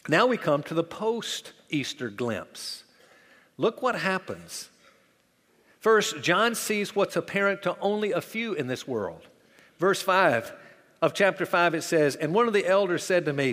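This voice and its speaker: Man, pastor, sermon, dramatic preaching, loud to hushed, long hall reverb. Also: on the high side.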